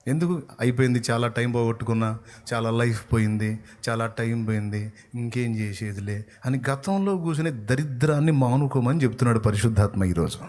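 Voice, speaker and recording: Pastor, man, fiery sermon delivery, big swings between loud and hushed. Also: a little fast. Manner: passionate, swings from shouting to low intensity; speaks in God's voice, rhetorical questions to listener.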